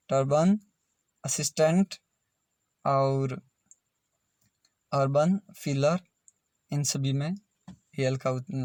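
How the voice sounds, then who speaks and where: Slow, spelling-out male English tutor. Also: mid-range voice, darkish tone, dry recording, clean studio sound. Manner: spells words letter by letter, then says them slowly. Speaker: English pronunciation teacher. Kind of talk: slow spelling-and-pronunciation lesson.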